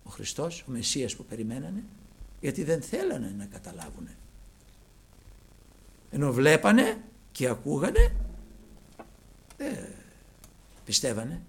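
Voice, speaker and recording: Gravelly preacher with dramatic swings. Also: male voice, mid-range voice, huge pitch swings, long pauses. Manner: dramatic swings from shouting to near whisper. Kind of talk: sermon.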